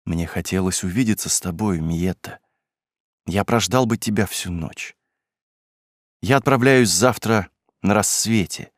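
A man voicing an earnest, tender young male revolutionary who speaks in a hushed, low voice in an audiobook. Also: unhurried, long pauses, no room sound, clean studio sound.

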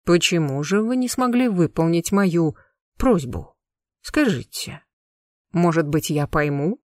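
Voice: medium pitch, lively intonation, measured pace, no room sound, studio quality, close to an everyday voice. A reader voicing a suave, cruel aristocratic lord in an audiobook, speaking with mocking courtesy and cold menace. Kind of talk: audiobook narration.

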